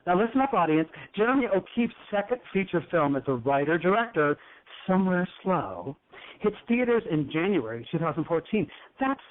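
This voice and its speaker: A man's voice: high voice, very animated, normal speed. A man hosting a talk show in a flamboyant, teasing, effusive manner. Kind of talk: campy talk show chat. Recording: tinny phone-like line.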